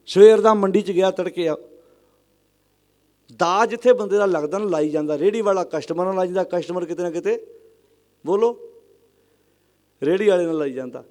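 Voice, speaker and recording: A man preaching a sermon to a congregation, emphatic and questioning, calling on listeners to answer aloud and chanting scripture lines slowly. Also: high voice. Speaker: Sikh religious preacher.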